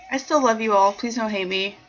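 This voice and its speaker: A woman's voice: mid-range voice, fairly bright tone. A young adult woman hosting a casual livestream chat show, rambling playfully and greeting viewers in the chat. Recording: dull lo-fi stream audio with faint background music.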